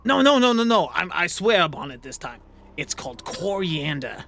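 A proud, touchy talking mixing bowl with a cocky edge, as a man puts him on. The voice sits a little high and rings bright and forceful, like a smug kitchen gadget in a tabletop game. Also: expressive, moderate pace, slight background noise. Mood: sassy. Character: sassy male talking magic mixing bowl.

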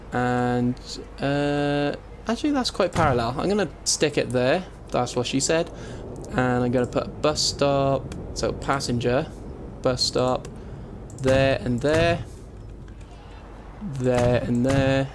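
Slow-paced man rambling through game commentary. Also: mid-range voice. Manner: rambling, thinking aloud, self-interrupting. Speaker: let's play host. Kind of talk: casual gameplay commentary. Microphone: compressed desktop microphone, voice-over. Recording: faint room noise, keyboard typing, compressed mic. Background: keyboard typing and background noise.

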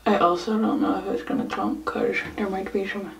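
A woman's voice: medium pitch, fairly even intonation, brisk, creaky, slight background noise. A young woman from Ireland chatting casually in a makeup vlog, rambling and self-deprecating with frequent giggles. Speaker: vlogger.

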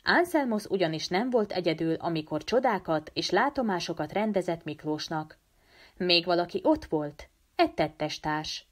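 An earnest teenage boy leader pleads urgently with his friends, as a woman reads him in an audiobook. The voice sits a little low and stays steady and serious, an ordinary reading voice with an urgent push. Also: close to an everyday voice.

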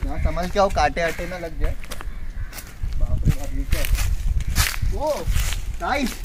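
A young man hosts an exploring vlog among outdoor ruins, excitedly urging his friend along. His voice sits fairly high. A handheld phone catches him with loud outdoor noise all around. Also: unhurried. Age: young adult. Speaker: vlogger host. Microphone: phone camera, handheld.

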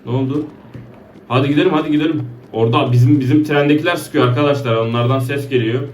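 A man giving excitable, joking let's play commentary, shouting at his teammates. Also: mid-range voice, fast, roomy sound, far from the mic, a little hiss or hum. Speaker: gaming YouTuber.

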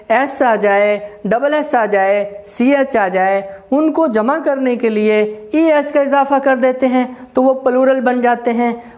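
A woman teaching an English grammar lesson, explaining slowly, repeating herself and spelling words out letter by letter. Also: on the high side, darkish tone. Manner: slow, repetitive, spells out letters one by one.

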